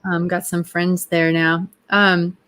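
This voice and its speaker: A woman's voice: on the low side, flat delivery, takes it slowly, fairly bright tone. A woman host asking friendly, easygoing questions in a casual interview.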